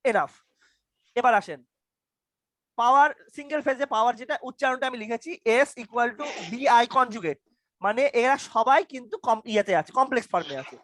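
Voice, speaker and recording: A man's voice: extremely high pitch, normal speed, fairly bright tone, dry recording. A young man teaching an online university lecture over a video call. He stammers, repeats his questions and quizzes his students. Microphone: computer mic on a video call.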